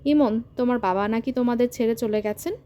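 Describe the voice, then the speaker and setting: A woman voicing a curious young schoolteacher who asks gently prying questions in an audio story. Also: fairly high pitch, fairly quick, lightly acted.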